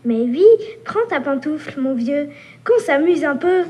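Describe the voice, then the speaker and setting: A woman's voice: sits high, expressive, a little slow, darkish tone. A woman reading aloud as a cheeky, teasing little female mosquito, taunting and buzzing. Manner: taunting, playful, buzzing sounds. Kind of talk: reading a story aloud at a workshop.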